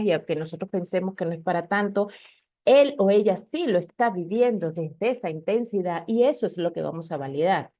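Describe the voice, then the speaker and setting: A woman's voice: mid-range voice, no echo. A woman giving an informal talk on parenting, explaining patiently and often checking in with listeners. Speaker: parenting educator. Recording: dry, slightly dull sound.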